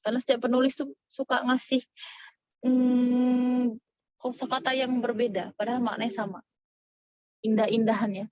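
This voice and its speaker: A woman's voice: on the high side, little pitch movement, moderate pace, pauses often, darkish tone, dry recording, dull audio. A woman teaching a casual online Quran recitation lesson. She explains in a chatty way and keeps checking whether her students follow along.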